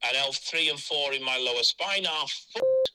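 A man's voice: fairly high pitch, normal speed. A man speaking bluntly and frankly as an interviewee, heard over a phone line. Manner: blunt, frank and matter-of-fact.

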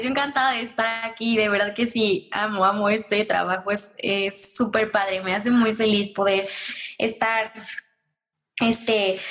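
A woman's voice: medium pitch, fairly bright tone. A woman with a northern Mexican accent chatting casually and enthusiastically as a podcast co-host, with a bubbly, giggly way of talking. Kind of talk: casual chat.

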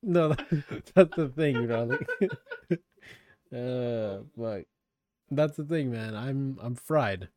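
A man's voice: medium pitch, slow pace, darkish tone, slight background noise. A young man hosting a casual podcast over a video call, rambling and swearing, intoxicated and laid-back. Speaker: podcast host. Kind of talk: casual chat.

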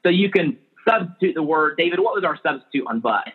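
A man's voice: on the high side, lively intonation, fast talker, husky, phone-quality sound. A man hosting a casual group discussion, talking in a rambling way with many restarts. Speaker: podcast host.

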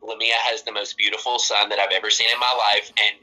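A man's voice: fairly low pitch, level tone, fast talker, bright, forceful tone, rough recording. A man guest talking in an earnest, rambling way and correcting himself as he goes. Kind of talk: casual chat.

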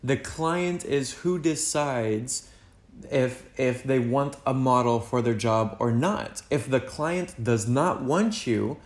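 A man's voice: mid-range voice, lively intonation, slow pace. A young man chatting casually as a podcast co-host, rambling and full of "like" and "you know", a native Spanish speaker. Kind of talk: casual chat. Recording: echoey room.

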